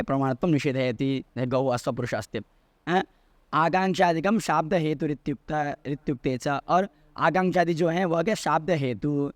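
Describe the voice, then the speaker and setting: A man's voice: fairly high pitch, dry recording. A man explaining a classical logic text as a teacher, repeating key terms and asking and answering his own questions. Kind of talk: explanatory lecture.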